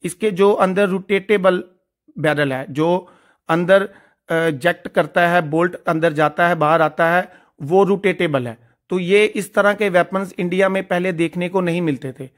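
A man's voice: sits high, measured pace. A man narrating a casual vlog while touring a large factory floor, talking eagerly to his viewers. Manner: enthusiastic, addresses viewers as friends. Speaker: gun shop vlogger touring a factory.

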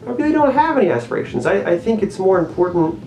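A man's voice: high-pitched, big pitch swings, quick pace, darkish tone, roomy sound. A young man talking from inside a mask head, so his voice is muffled, answering viewer questions in a laid-back, chatty way. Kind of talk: casual Q&A vlog.

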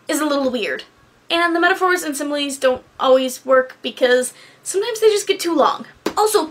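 High-pitched young woman, candid and rambling. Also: fairly bright tone. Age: young adult. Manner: candid, rambling, casually sweary. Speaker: book reviewer, vlogger. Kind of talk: casual book review to camera. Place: small bedroom, indoors.

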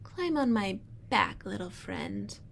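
A woman's voice: mid-range voice, sing-song, slow, heavily acted. A woman voicing a sly, jealous, falsely friendly male vulture in a storybook trickster tale. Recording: clear background room noise.

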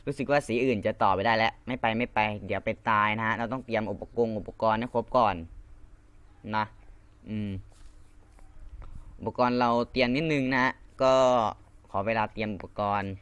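A man's voice: on the low side, steady tone, moderate pace, fairly bright tone, clear, resonant tone, no room sound. Rambling Isan-accented young man playing a game. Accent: Isan Thai. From Isan, northeast Thailand. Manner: rambling, repeats himself, mild swearing. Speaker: Minecraft gamer. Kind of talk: casual gameplay commentary.

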